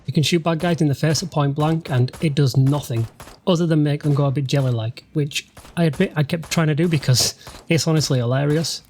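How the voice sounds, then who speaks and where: A man's voice: on the high side, brisk, a little mellow, soft background music. Sarcastic man doing game commentary. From United Kingdom. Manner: sarcastic, dry mocking humour. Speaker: gaming channel host. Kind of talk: let's-play voice-over commentary.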